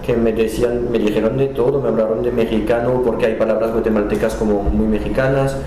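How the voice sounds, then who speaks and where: A man from France, guest and director of a cultural center, speaks Spanish with a French accent in a casual conversational interview. His lowish, steady, dark voice is friendly though halting, often restarting words, and the low-quality recording carries heavy reverb and a faint hiss or hum.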